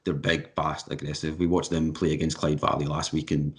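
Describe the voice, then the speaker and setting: A male football coach answering interview questions in a brisk, analytical way. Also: very deep voice, level tone.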